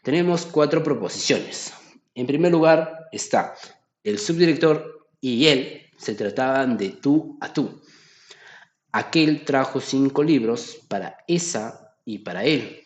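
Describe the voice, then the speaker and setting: A man's voice: mid-range voice, lively intonation, slow, reverberant, dull audio. A man tutoring through exam solutions, explaining step by step and often checking in with the listener. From Peru.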